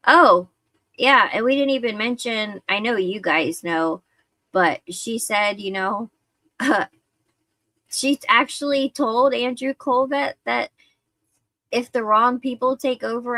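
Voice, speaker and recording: A woman's voice: medium pitch, pushed and bright, no room sound. A woman hosting a livestream, chatting casually and rambling with lots of fillers. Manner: rambling, conversational, with many fillers. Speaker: livestream host.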